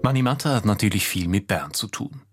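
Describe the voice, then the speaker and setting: A man presents a radio feature from his home office. He narrates in a calm, measured scripted style. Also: on the low side, loud music behind the voice. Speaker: radio host.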